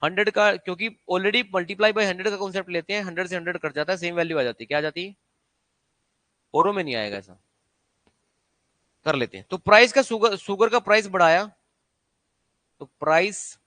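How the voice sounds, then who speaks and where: Male maths teacher, exam coaching; high, bright voice, dry close sound, drills students with quick check-questions. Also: no room sound. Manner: quizzing students with repeated rhetorical questions. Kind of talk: exam-prep maths lesson.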